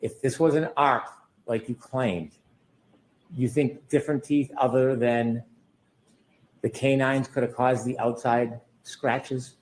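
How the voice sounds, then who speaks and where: Male lawyer, courtroom cross-examination. Sceptical, insistent, middling pitch, statements turned into challenges. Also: fairly even intonation, slow, rough recording. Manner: pressing, sceptical, ends statements in tag questions.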